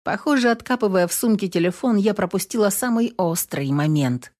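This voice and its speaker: A woman reading a novel aloud as an audiobook narrator, expressive and acting each character. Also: medium pitch, fairly quick. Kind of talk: scripted narration.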